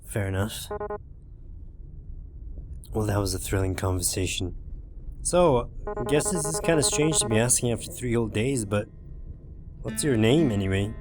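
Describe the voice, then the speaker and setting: Over music, a man with a fairly low voice and lively intonation talks at normal speed with long pauses. He hosts a gaming playthrough, giving a dramatic reading of a visual novel broken up by informal, jokey asides and the occasional swear word.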